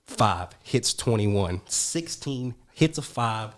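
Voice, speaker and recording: A man co-hosting a podcast, telling a story in a casual, animated, profane way. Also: fairly low pitch, takes it slowly. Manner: animated, profane, slangy, says "bro" often. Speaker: podcast co-host.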